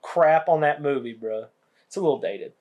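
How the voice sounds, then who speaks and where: A man's voice: on the high side, moderate pace. Young man retelling movie scenes casually. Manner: animated storytelling, acts out quotes. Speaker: podcast co-host.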